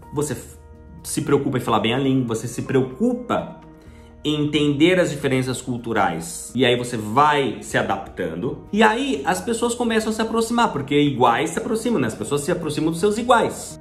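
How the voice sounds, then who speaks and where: A Brazilian channel host explains things to the camera in a chatty way, often asking rhetorical questions and acting out little dialogues. His voice is a little high, and the sound is roomy.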